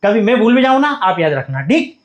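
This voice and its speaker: A man's voice: high voice, very animated, brisk. A man teaching beginners at a board, coaxing them along by asking questions and answering them himself. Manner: coaxing, repeats questions back to the class. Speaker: English teacher. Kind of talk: whiteboard lesson for beginners.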